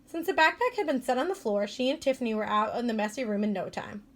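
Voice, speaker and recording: A woman elementary school teacher reading a children's chapter book aloud in a clear, steady storytelling manner. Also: fairly high pitch, fast talker.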